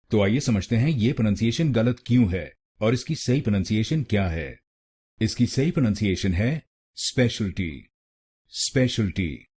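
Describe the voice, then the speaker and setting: A low-pitched man with an Indian accent teaches pronunciation in a scripted lesson. His voice is slightly husky, and he repeats each word slowly, breaking it into syllables. The delivery is steady and instructive. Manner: slow, repeats words syllable by syllable.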